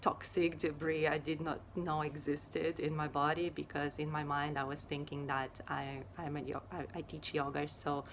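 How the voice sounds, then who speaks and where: A yoga teacher and Ayurveda therapist from Ukraine talks casually and personally to camera. Her low, fairly flat voice is unhurried and hesitant, with frequent pauses and many fillers, over a faint hiss.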